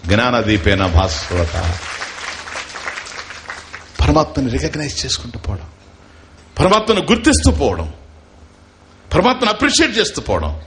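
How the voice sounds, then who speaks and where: A man's voice: on the high side, huge pitch swings, a little fast, pauses often, crowd noise, noisy background. A man teaching as a spiritual teacher in a scripture discourse, asking his listeners rhetorical questions and chanting verses.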